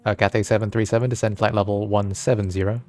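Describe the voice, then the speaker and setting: A man's voice: lowish voice, level tone, fast, darkish tone. A man acting as air traffic controller, giving clipped radio instructions to pilots.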